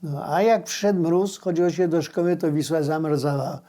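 An older man, reminiscing informally in plain, folksy, halting phrases. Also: a little high, steady tone, mellow. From Poland, riverside village in Lesser Poland. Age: older, born 1938. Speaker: local resident recalling village life.

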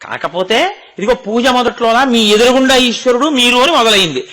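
A man's voice: very high voice, expressive, a little fast, pushed and bright. A man giving a devotional discourse, explaining with everyday examples and rhetorical questions. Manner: recites Sanskrit verses in a chanting cadence. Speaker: spiritual speaker.

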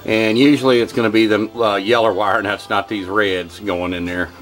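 Man, lowish voice, folksy rambling how-to tech, faint music underneath. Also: steady tone, moderate pace, a bit bright. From Kentucky. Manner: folksy, rambling, lots of "uh" and "okay, y'all". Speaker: HVAC technician. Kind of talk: hands-on how-to demonstration. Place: home workshop with wood-paneled walls.

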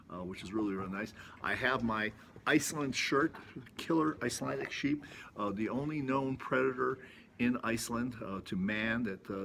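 Holding his phone camera at arm's length in a shaded, rocky canyon, this older vlog host rambles casually in folksy, self-amused fashion. His fairly low voice sounds creaky and sharp, and a little background noise comes through.

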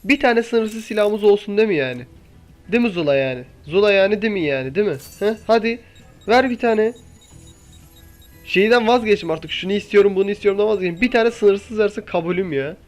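A young man with a high voice talks through his gameplay in casual commentary. He keeps impatiently pleading and coaxing the game. Faint music plays behind him. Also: expressive, brisk. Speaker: gaming YouTuber.

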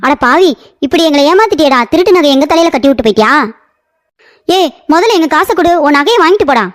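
A greedy old village mother from a cartoon story, forever scolding and fretting in a high, shrill voice. A woman acts her out. She nags and complains without pause. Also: expressive. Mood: angry. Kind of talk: cartoon voice acting.

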